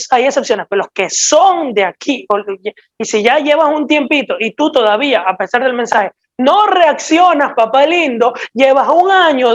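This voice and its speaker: Woman, Ecuadorian accent, preacher, high voice, emphatic, scolding, dull lo-fi recording. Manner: emphatic, direct and scolding, with sudden swings in loudness. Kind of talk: sermon.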